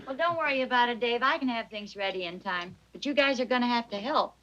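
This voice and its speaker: Calm, gently teasing sitcom mom. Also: female voice, a little high, quick pace. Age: middle-aged. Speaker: mother. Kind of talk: 1950s sitcom acting. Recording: dull lo-fi 1950s TV soundtrack.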